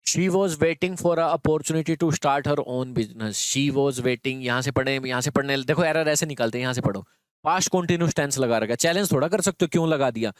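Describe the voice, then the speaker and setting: Male teacher, clear voice, dry sound. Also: medium pitch, moderate pace, dry recording. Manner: explains step by step, often checks in with students. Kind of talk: exam prep grammar lesson.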